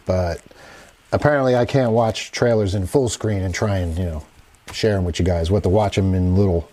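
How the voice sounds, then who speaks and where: A man's voice: on the low side, mellow. A middle-aged man hosting a casual livestream, rambling in a laid-back way with chuckling asides. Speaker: host.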